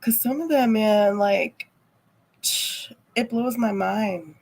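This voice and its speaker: A woman's voice: mid-range voice, slow, vocal fry, warm tone, breathy edge, poor audio. A woman livestreamer chatting casually with viewers, rambling and heavy on fillers. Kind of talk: casual chat.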